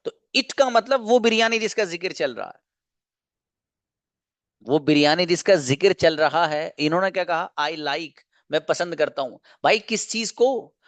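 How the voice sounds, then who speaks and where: A man teaching an online English grammar lesson, explaining slowly, repeating examples and asking rhetorical questions. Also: high-pitched, expressive, no echo.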